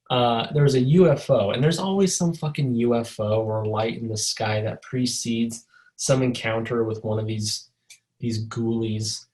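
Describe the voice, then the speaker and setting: A man in a loose podcast chat, joking and rambling with plenty of swearing. He comes through a video call running on a mobile hotspot, his voice at an everyday pitch. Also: a little mellow, poor audio. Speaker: podcast co-host. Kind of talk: casual chat. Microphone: video call over a mobile hotspot.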